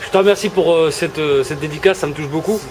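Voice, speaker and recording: A man's voice: a little high, fast talker, a crowd in the background. A male interviewer speaking politely and hesitantly, with many fillers. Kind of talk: casual interview.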